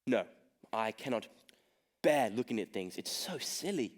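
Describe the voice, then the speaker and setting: A young man acting a weary, proper gentleman in a school stage comedy, with a dry delivery. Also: mid-range voice, expressive, a little slow. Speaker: stage actor in a school play.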